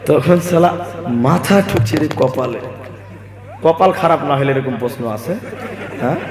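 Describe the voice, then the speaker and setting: An Islamic preacher from Assam, India, delivers a humorous sermon in a fairly high male voice at a moderate pace. He teases the crowd with rhetorical questions, and the hall he speaks in gives a long, echoey reverb.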